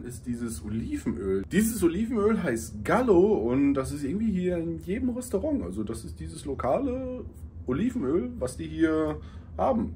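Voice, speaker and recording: Mellow-voiced man vlogging indoors. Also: medium pitch, slight background noise. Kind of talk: casual vlog talk to camera. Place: hotel room, indoors.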